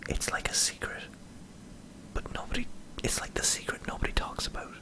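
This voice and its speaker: A man's voice: a little fast, low-quality recording. Whispering Irish man, ASMR ramble. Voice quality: breathy unvoiced whisper. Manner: hesitant, self-deprecating, rambling. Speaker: ASMR video creator. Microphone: close microphone in front of a camera.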